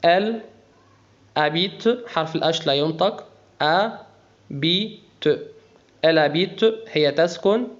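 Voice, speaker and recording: Slow Egyptian man teaching step by step. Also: fairly high pitch, lo-fi sound. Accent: Egyptian Arabic. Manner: slow, spells out pronunciation letter by letter. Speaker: French teacher. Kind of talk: beginner language lesson.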